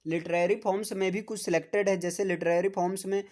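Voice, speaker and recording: A man's voice: high-pitched, steady tone, fast, darkish tone. A man with a Hindi accent giving a classroom lecture, repeatedly asking "है ना?" and spelling words out for his students. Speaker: teacher.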